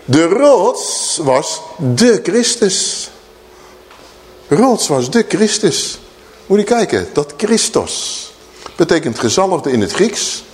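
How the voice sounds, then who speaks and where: A man's voice: on the high side, in a large hall, slight background noise. A man preaching a sermon in an earnest teaching style, asking rhetorical questions.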